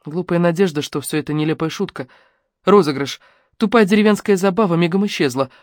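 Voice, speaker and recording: A woman reading a detective novel aloud in a measured, even narration. The recording is dry and close to the mic, with no room sound. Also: lowish voice, dry recording. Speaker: audiobook narrator. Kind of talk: scripted narration.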